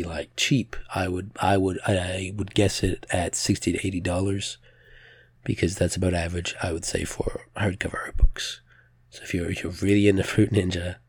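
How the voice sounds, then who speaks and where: A man's voice: low voice, a little mellow, husky, no room sound. A man hosting a podcast solo with casual news commentary, hesitant and self-correcting, in a slightly strained, pressed voice. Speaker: podcast host.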